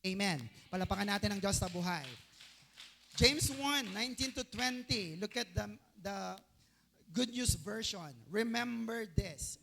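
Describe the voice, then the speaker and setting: A man's voice: high voice, sharp tone. A Filipino man preaching a sermon as pastor. He mixes Tagalog and English, explains the meanings of words, and keeps asking the congregation for an amen. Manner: Tagalog-English mix, calls for amens from the congregation; teaching by repetition, explains word meanings.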